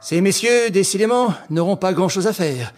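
A man's voice: high voice, lively intonation, normal speed, voice pushed up. Man doing a pompous old magistrate. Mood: pleased. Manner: pompous, emphatic, self-assured. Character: pompous older male examining magistrate, self-satisfied.

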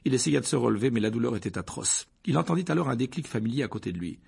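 A man narrates a story aloud in an expressive audiobook reading. His voice is gravelly and a little husky. His pitch moves freely. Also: rapid-fire.

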